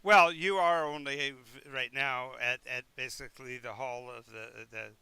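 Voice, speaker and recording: A man's voice: medium pitch, fairly even intonation, measured pace, bright, forceful tone, smooth, no echo. A man running a tabletop game on a live stream, rambling through descriptive narration with restarts. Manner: chewing while talking. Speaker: game master.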